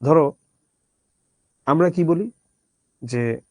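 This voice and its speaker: A man's voice: on the high side, very slow, a little mellow, no echo. Man lecturing, dry and close. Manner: conversational, addresses students directly, rhetorical questions. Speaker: teacher. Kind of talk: Bangla literature lecture.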